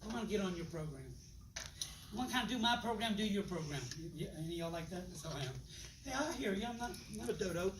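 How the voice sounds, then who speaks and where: A man giving a live product demonstration to an audience, folksy and animated, acting out little dialogues with changing voices. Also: high voice, fast. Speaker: presenter demonstrating water machines. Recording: echoey room, distant mic, loud background noise.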